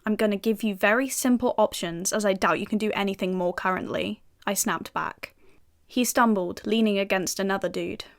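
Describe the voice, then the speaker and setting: Wry british woman doing a young fbi agent telling her own story, dry jokes, middle pitch. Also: moderate pace, creaky, close to an everyday voice. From United Kingdom. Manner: dry, sardonic asides. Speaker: narrator and lead character, an FBI agent. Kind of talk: first-person audio drama narration.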